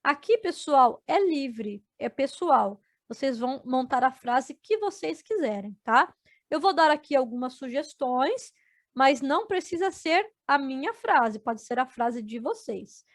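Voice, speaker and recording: In an adult education video lesson, this Brazilian woman breaks words into syllables one at a time for her students, explaining slowly. Her voice sits high with lively intonation and a Brazilian Portuguese accent, and there's no echo.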